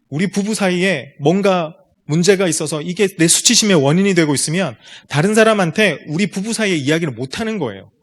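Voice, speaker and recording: Parents in a school lecture room hear a man deliver a step-by-step seminar, regularly posing rhetorical questions straight to them. His voice leans toward the high side.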